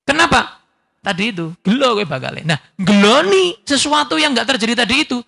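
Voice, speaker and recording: Gravelly, bright Javanese-accented preacher man. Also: very high voice, brisk. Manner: mixes Javascript-free Javanese phrases, lively and teasing, asks the audience questions. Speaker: Islamic preacher. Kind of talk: sermon.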